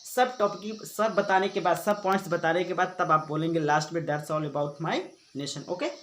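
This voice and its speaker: A man's voice: fairly high pitch, steady tone, fairly bright tone, echoey room, a little hiss or hum, poor audio. A man teaching a coaching-class lesson. He explains step by step, repeats himself and adds "okay" often. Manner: recites the model speech slowly and deliberately. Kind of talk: classroom lesson with a model speech.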